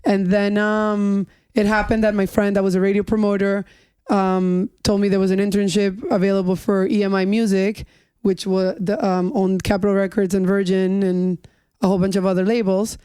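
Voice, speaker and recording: A woman's voice: medium pitch, level tone, normal speed, mellow, smooth, dry recording. A middle-aged woman from New York, chatting casually as a podcast guest and joking about her age. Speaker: music executive guest.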